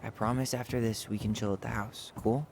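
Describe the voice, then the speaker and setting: An actor playing a gentle, steady young adult twin brother in a story game, speaking softly. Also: male voice, fairly low pitch, brisk, creaky, noisy background. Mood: easygoing.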